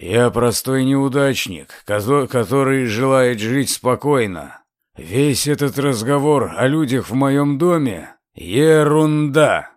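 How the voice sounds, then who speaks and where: A man voicing a frightened, secretive old gentleman who speaks slowly in a trembling, pleading way. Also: medium pitch, expressive, dry recording, clean studio sound. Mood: anxious.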